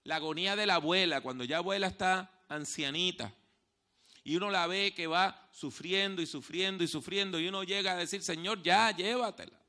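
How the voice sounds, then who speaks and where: Man preaching in church, highish cutting voice, goes quiet then loud, repeats stuff slow for emphasis. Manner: storytelling preacher, swings from hushed to loud; repeats key phrases slowly for emphasis. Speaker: pastor. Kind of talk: sermon.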